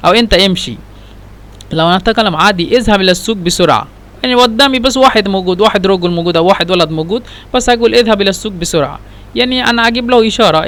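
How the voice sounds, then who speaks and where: Quick, high-voiced male language teacher. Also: a bit bright. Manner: repeats words and explains them one by one; non-native, broken Egyptian Arabic. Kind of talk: casual spoken lesson.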